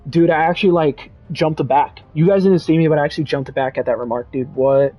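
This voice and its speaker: A young man chats on his livestream, rambling and excitable. His voice sits a little high but sounds mellow and soft-edged. Faint music plays underneath. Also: fairly quick. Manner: rambling, excitable, says dude and bro a lot. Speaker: streamer reading chat. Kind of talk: casual livestream chat.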